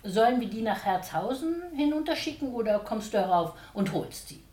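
A woman's voice: on the high side, lively intonation, normal speed, darkish tone, distant mic, natural voice. Woman playing a loving, sorrowful mother. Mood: gentle. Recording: roomy echo.

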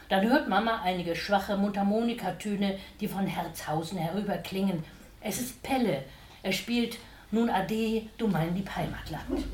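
A woman's voice: medium pitch, slight background noise. Woman reading a children's story aloud. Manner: expressive, lively reading. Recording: roomy echo.

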